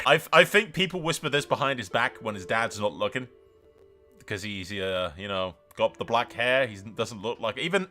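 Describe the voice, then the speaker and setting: This is a male video game streamer acting as host, his medium-pitched voice pushed and bright. He delivers casual, sweary commentary with a wry, joking, informal manner.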